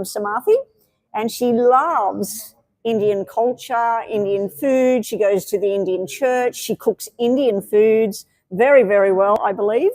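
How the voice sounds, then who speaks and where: Chatty higher-pitched woman reading tarot. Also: a little mellow, dry recording, poor audio. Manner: chatty, meandering, with many fillers. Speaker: tarot reader. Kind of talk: live-stream tarot reading.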